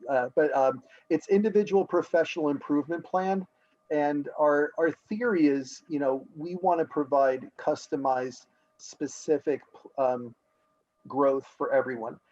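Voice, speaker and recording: A man of middling pitch explains how teachers are evaluated, talking conversationally and giving everyday examples. He often restarts his words, and the audio sounds slightly muffled. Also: darkish tone. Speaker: school administrator. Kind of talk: explaining in a meeting.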